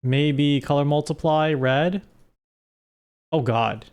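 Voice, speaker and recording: A man's voice: a little high, slow pace, darkish tone, clean tone. A man streaming live, recapping a story in a rambling, joking way. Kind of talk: casual live-stream chat.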